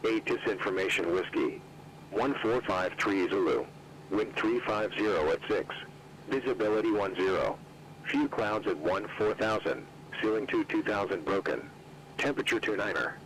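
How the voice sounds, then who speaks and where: Deep-voiced man on an airport weather broadcast. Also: normal speed, noisy background. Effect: airport weather broadcast heard over the sim radio. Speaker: airport information announcer. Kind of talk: recorded automated airport information broadcast.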